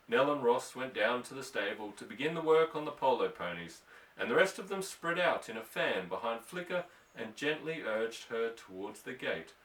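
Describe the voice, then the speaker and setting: Reading a story aloud in scripted audiobook narration, this man has a fairly bright voice on the low side. The sound comes from a distant microphone in an echoey room.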